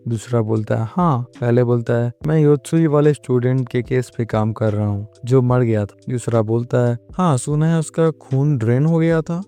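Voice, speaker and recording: A man's voice: mid-range voice, moderate pace, few pauses, dark tone. A man narrating a manga plot recap, retelling scenes line by line and reading the characters' lines in his own plain voice.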